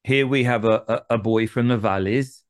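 A man's voice: mid-range voice, moderate pace, clean tone. A man hosting an interview, asking long, winding questions full of asides. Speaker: host. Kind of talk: conversational interview.

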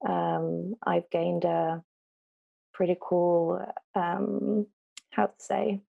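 A woman's voice: on the low side, little pitch movement, drawn-out words, creaky, narrow, tinny audio. A young woman from Finland, a native Finnish speaker, answering as an interview guest over a remote call, hesitant with many ums. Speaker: guest, law student. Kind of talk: casual interview.

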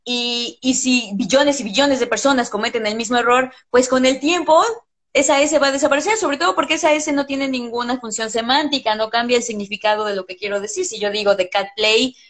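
A woman talks about language in a loose, conversational way. Her voice sits a little high, and she explains things emphatically and bluntly. She peppers her points with slang and swear words. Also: brisk, fairly bright tone. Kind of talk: casual conversation.

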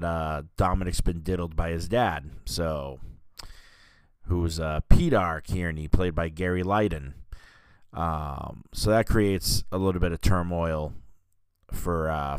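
A man's voice: sits low, smooth, no echo. A man hosting a casual film review podcast, talking loosely with many fillers and restarts. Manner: rambling, lots of fillers and restarts, says dude and you know what I mean. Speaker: podcast host reviewing films.

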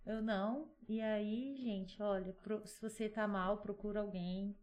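A woman with a Brazilian Portuguese accent in casual conversation, telling personal stories in a lively way, acting out her own past words and laughing often. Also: mid-range voice, measured pace, muffled recording.

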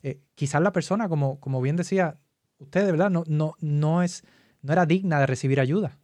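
Guy talking faith, calm and earnest, asks rhetorical questions, middle voice, dry sound. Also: fairly high pitch, normal speed, dry recording. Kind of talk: casual faith discussion.

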